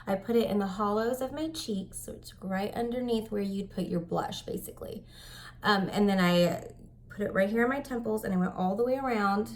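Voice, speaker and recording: A young woman chatting at home through a makeup tutorial, rambling with lots of fillers and dropping into soft whispered asides. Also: medium pitch, moderate pace. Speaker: beauty vlogger.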